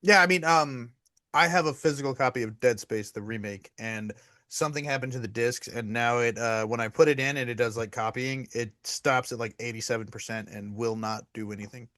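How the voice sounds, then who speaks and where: A man's voice: mid-range voice, brisk, no room sound, studio quality. A man in his thirties co-hosting a casual gaming podcast, talking animatedly, swearing and laughing. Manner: animated, swearing, laughing, gets carried away. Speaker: podcast co-host. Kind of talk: casual chat.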